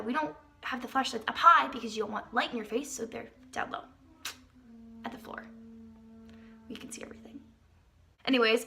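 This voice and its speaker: A young female vlogger tells a personal story to camera with dramatic, comedic flair. Her high voice has a bright, forward edge, and her delivery is theatrical and emphatic.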